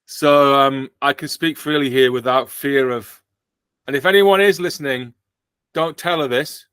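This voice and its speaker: A man's voice: medium pitch, a little slow, a bit bright, clean tone, dry recording. A man with an English accent hosting a casual podcast chat, joking dryly and poking fun at himself. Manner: dry, joking, self-mocking. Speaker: podcast host.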